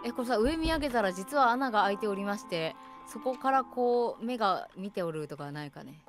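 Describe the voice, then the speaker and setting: A woman's voice: mid-range voice, animated, brisk. A woman playing a horror game, commenting casually and reading the game's text aloud. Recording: game music clearly behind the voice.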